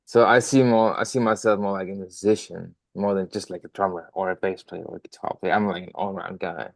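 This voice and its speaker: Speaking fairly quickly in a low, creaky voice with fairly even intonation, a young Danish man chats as a podcast guest. He's a drummer, and his friendly, rambling answers are full of fillers, ums and restarts in a casual interview. There's no echo.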